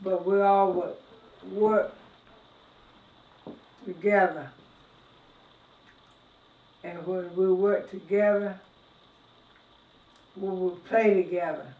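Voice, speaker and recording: A woman of ninety, reminiscing in an interview in a halting way, repeating words as she goes. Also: medium pitch, steady tone. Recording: echoey room, distant muffled mic.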